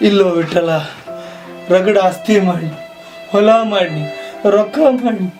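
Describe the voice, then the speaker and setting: A man doing a dying old landlord in a comedy skit, pleading and coughing in a high, strained voice with a North Karnataka accent. He sits back from the mic, and music plays loudly under him. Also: recorded from a distance. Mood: solemn. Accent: North Karnataka Kannada. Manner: pleading, drawn-out speech with coughs.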